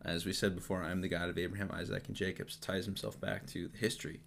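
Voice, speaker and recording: A man co-hosting a podcast, casually teaching Bible stories with jokes and quick acted-out quotes. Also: deep voice, vocal fry, slight background noise. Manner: relaxed, joking, acts out quotes. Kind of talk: casual Bible study chat.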